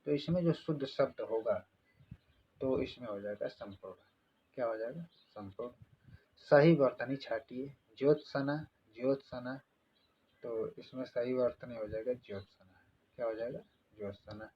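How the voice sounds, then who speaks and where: A man's voice: medium pitch, husky, muffled recording. A man teaching an online exam-prep lesson, explaining step by step, repeating each answer and asking rhetorical questions.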